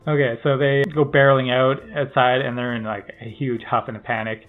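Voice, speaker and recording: A man's voice: mid-range voice, little pitch movement, a little fast. A man runs a tabletop game as game master, narrating loosely with plenty of fillers. His voice sits in a middle range. The recording is thin and phone-like. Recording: tinny phone-like call audio.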